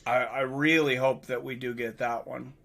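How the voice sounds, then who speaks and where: A man's voice: medium pitch, fairly even intonation, moderate pace, creaky, a bit bright. A man hosting a casual online show, chatting loosely about fights and signing off in a rambling way. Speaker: host. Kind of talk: casual chat.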